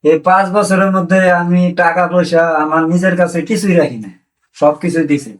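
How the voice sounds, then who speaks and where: A man's voice: high voice, brisk, close to an everyday voice. An actor playing a husband back from years abroad who insistently demands his savings, with a Bangladeshi accent. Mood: serious. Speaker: returned migrant worker. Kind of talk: amateur drama acting. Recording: voice distant from the mic.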